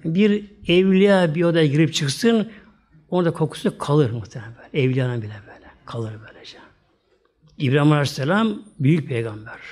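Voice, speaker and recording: A male preacher with a somewhat high voice tells a sacred story to his listeners. He addresses them directly and softly trails off at the ends of his phrases. When the characters speak, he voices their lines in his own voice. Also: animated, fairly quick. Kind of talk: religious storytelling talk.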